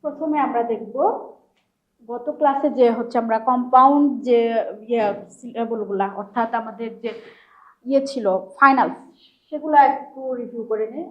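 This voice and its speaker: A woman's voice: fairly high pitch, normal speed, pauses often, highs cut off. A woman teaching a recorded language lesson, explaining step by step and sounding out syllables one at a time, with frequent fillers.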